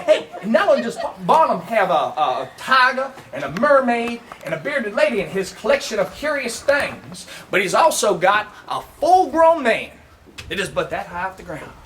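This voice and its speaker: A man's voice: high voice, big pitch swings, a bit bright, distant mic, a little hiss or hum. A man with a Southern American accent, a living history reenactor telling a first-person tale outdoors in a folksy, teasing way, chatting with his audience. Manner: folksy, teasing, drawn-out delivery with audience asides.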